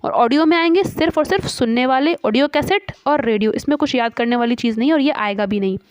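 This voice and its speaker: A woman teacher coaching students for an exam. She explains each term step by step and reads English definitions out slowly. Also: high-pitched, clean tone, no echo.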